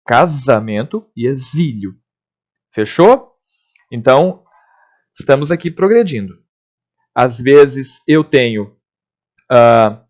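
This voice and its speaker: A male teacher, speaking in a somewhat high voice. He explains lively and step by step, often pausing to check in with his students. The recording sounds dull and lo-fi. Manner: lively, explanatory, frequent check-ins with listeners. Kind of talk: recorded classroom lesson.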